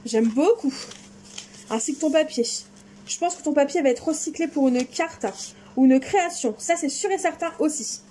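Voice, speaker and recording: A woman's voice: sits high, moderate pace, warm tone, slight background noise. A woman chatting casually and enthusiastically while unboxing craft supplies in her vlog. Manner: enthusiastic, chatty, exclaims often. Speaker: crafting vlogger.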